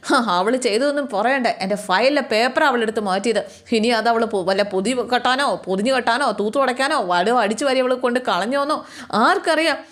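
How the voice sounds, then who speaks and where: A woman's voice: fairly high pitch, fast talker, natural voice. A woman voicing a domineering scolding lady boss. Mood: angry scolding. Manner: shouting, scolding, accusing. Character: angry domineering middle-aged woman, bank officer.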